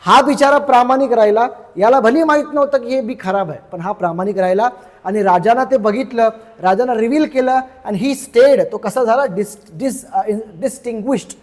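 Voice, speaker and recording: A man teaching English through a story, explaining each word slowly and repeating its meaning, chatty and checking in with his listeners. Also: very high-pitched, big-room sound. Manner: chatty, checks in with "ठीक आहे".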